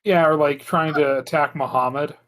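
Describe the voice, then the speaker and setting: A man's voice: a little high, fairly even intonation, moderate pace, a bit bright. A man co-hosting a casual podcast chat, blunt and opinionated. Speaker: podcast co-host.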